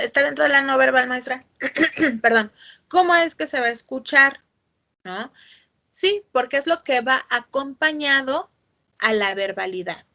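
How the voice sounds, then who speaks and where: A woman teaching an online class, expressive and checking in often with her students. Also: high voice. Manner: expressive, asks for checks with "¿sí?" and "ujú".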